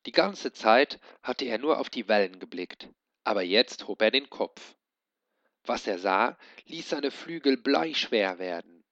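Male teacher reading a story out loud real slow, lowish voice, dry dull lo-fi sound. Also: expressive, dry recording. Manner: slow, explaining. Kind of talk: reading a book aloud for learners.

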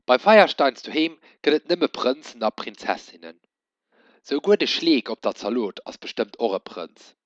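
A man reads a children's story aloud, his pitch swinging in very lively, animated arcs. The sound is dry and dull, with a lo-fi edge. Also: normal speed, no echo. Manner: expressive, lively storybook reading.

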